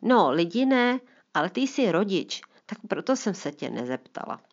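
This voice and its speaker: A woman's voice: mid-range voice, sing-song. Lady reading a cheeky teen girl, whiny, sassy, dull lo-fi sound. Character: sulky teenage girl, fourteen, cheeky.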